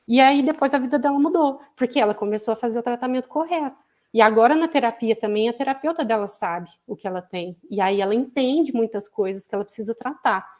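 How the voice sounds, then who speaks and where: Speaking at a quick pace in a darkish voice on the high side, a Brazilian woman psychologist gives a conversational lecture as a guest on an online live broadcast. She explains patiently and regularly adds "né?".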